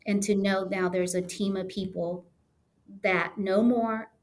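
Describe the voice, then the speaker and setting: A woman's voice: medium pitch, fairly even intonation, unhurried. Woman, podcast guest, earnest and emotional storyteller, mid-range voice. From United States. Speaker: podcast guest, testing coordinator. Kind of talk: conversational storytelling interview.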